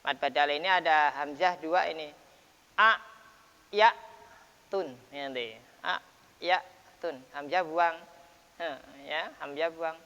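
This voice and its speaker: Slow, patient male tajwid teacher with a slightly high voice, recorded lo-fi in a hall with long reverb. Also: bright, forceful tone, clean tone. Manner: explains patiently with many repeated checks and fillers. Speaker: Quran recitation teacher. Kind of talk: informal tajwid lesson. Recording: dull lo-fi sound, long reverb.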